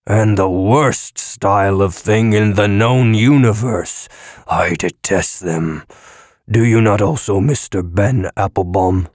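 A man voicing a pompous, weary eye-eating alien blob that talks in a slow, slurred intoning way. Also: lowish voice, a little mellow, no room sound, studio quality.

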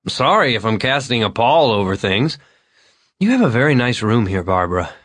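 A man with a mid-range voice plays a drunk, disheveled middle-aged man who rambles and slurs, lurching from overly polite to maudlin. His delivery is fairly quick and a bit bright, with big pitch swings, wandering and slurred. The recording is studio quality with no room sound.

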